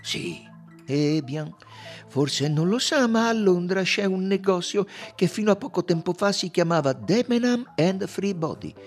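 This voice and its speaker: A man reading aloud and voicing a fussy, clever older detective who speaks softly and persuasively, with sly amusement. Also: high voice, expressive, a little slow, soft background music, pitched above the performer's own voice. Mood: explaining.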